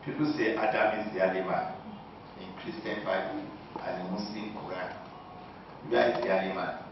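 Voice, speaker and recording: A man's voice: lowish voice, steady tone, moderate pace. A man giving a lecture, answering audience questions and stressing his points one after another. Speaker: guest lecturer. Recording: echoey hall, distant lo-fi mic with noise.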